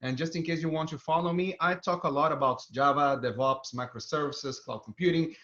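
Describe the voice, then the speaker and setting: Slightly high and a little fast, with a fairly bright tone, the Brazilian developer advocate delivers an upbeat tech talk. He narrates a live coding demo enthusiastically for viewers. His audio sounds dull and band-limited, typical of a video stream.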